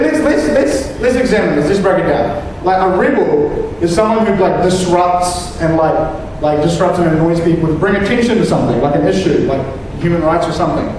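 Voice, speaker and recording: A man's voice: sits high, darkish tone, a little hiss or hum. A young man from New Zealand performing a rambling stand-up comedy set, full of restarts and fillers. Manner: rambling, hesitant, with many restarts and "like". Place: comedy venue stage. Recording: echoey hall, mic picked up from a distance.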